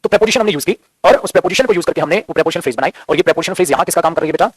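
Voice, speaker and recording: Male grammar teacher, high husky voice, rapid-fire classroom delivery, fatherly and scolding. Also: dry recording. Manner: scolding, fatherly, keeps calling students "beta".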